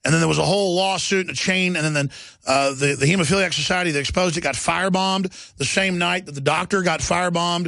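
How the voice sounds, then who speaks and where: A man's voice: fast, creaky, sharp tone, no room sound. A man hosting a talk radio show, ranting in a heated monologue and turning sarcastic, his voice jumping up when he mocks. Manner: ranting, sarcastic, voice jumps high when mocking.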